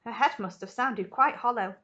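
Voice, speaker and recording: A woman voicing a calm, offhand, eccentric male factory owner in a storybook reading. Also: on the high side, normal speed, highs cut off, lightly acted.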